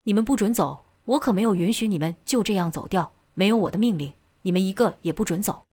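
A woman's voice: medium pitch, animated, fast, slightly rough, no room sound, clean studio sound. A woman voicing a furious, bossy commander. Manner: shouting orders.

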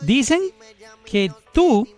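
A man's voice: extremely high pitch, sing-song, extremely slow, a little mellow, soft background music. A man hosting a podcast, chatting and asking his guest long, leading questions. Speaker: podcast host. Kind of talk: interview.

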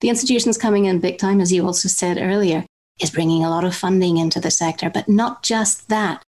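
A woman's voice: lowish voice, steady tone, brisk, darkish tone. Woman from zambia, crypto panel guest, earnest and expansive. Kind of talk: panel discussion.

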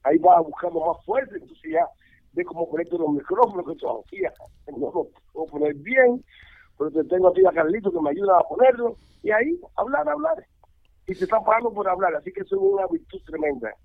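An older man, once a ballplayer and now a baseball analyst, spins rambling, animated stories full of restarts. His voice sits high and swoops about with a gravelly edge. It comes through a thin, tinny phone line with no room around it. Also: fast, no room sound. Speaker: baseball analyst, former player. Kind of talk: casual interview over the phone.

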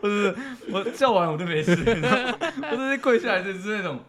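A man's voice: sits high, expressive, quick pace, crowd noise. A young man, co-hosting a podcast, tells a rambling story and keeps asking "you know?". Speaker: podcast co-host. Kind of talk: casual chat, storytelling.

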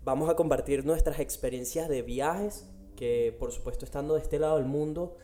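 A man's voice: fairly high pitch, normal speed, mellow. A Latin American man, co-hosting a casual podcast and laying out its topics. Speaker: podcast co-host. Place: Australia.

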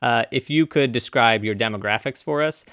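A man's voice: mid-range voice, moderate pace, fairly bright tone, smooth, no echo. Upbeat male interviewer, dry sound. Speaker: interview host. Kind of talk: interview questions.

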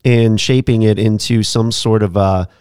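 A man's voice: fairly low pitch, steady tone, a little slow, a little mellow, clear, resonant tone, dry recording. Man, podcast host, casual storytelling, laughs often, restarts, dry sound. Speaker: podcast host, former teacher.

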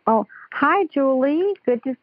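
A woman's voice: sits high, expressive, unhurried. A woman calling in to a radio show over the phone, chatty and a bit hesitant with light laughs. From United States. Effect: phoned-in caller on a radio show. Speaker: caller. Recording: tinny phone line.

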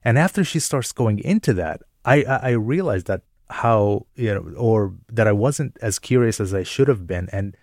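Man from Jordan, low voice, reflective storyteller on a radio chat, dry studio sound. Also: expressive, normal speed, few pauses, a little mellow, dry recording. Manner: thoughtful, self-reflective, laughs easily. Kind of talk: conversational radio chat, telling personal stories.

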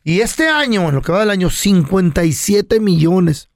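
A man's voice: high voice, lively intonation, normal speed, no echo, studio quality. A man with a Mexican accent hosting a radio show, telling slangy, joking anecdotes. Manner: playful storyteller, slangy.

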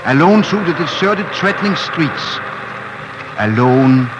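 In the style of a 1940s radio drama, a man tells a story with theatrical suspense, his voice a little high with lively intonation and a slow pace. The recording is a muffled old 1940s radio broadcast with music.

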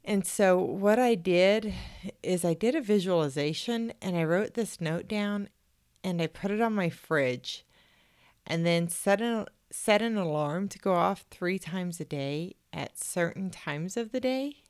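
A woman's voice: on the low side, measured pace, a little mellow, clear, resonant tone, no echo, studio quality. A woman hosting a podcast, telling a personal story in a casual, chatty way. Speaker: podcast host. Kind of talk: casual conversation.

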